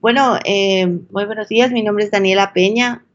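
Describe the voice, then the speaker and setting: A woman's voice: medium pitch, fairly even intonation, moderate pace, lo-fi sound. A woman from Ecuador, a lawyer and consultant, explaining steadily in an interview. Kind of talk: interview answers.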